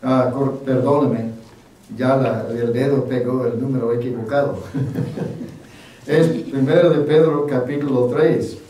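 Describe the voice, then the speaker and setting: A male pastor preaching a sermon in an unhurried, folksy, self-deprecating way, with many fillers. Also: mid-range voice, steady tone, warm tone, slight background noise. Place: church sanctuary. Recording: very echoey church, mic at a distance.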